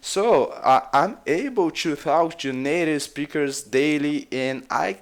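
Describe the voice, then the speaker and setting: Taking it slowly in a slightly high voice, a Brazilian language vlogger gives casual advice about learning languages. Portuguese is his native tongue, his accent is Brazilian Portuguese, and his delivery is halting, packed with filler uhs and repetition.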